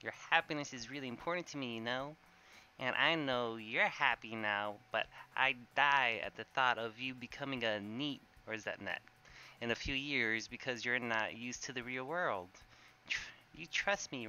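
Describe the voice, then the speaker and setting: A man reading as an anxious, cheerful teenage girl in a game, his voice pushed up high and pleading. She sounds overdramatic and earnest, with a bright, sharp edge to the voice. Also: normal speed, clear, resonant tone, poor audio.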